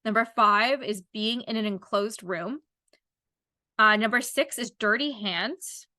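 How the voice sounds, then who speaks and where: Bright-voiced chatty woman in her thirties. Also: medium pitch, slow pace, no echo, clean studio sound. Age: 30s. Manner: rambling, lots of "like" fillers. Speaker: podcast host. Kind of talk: casual chat.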